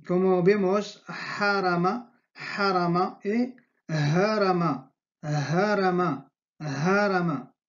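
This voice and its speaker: Slow, patient teacher, dull audio. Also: mid-range voice. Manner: slow, patient, repeats words for drilling. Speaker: Arabic teacher. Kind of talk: language lesson.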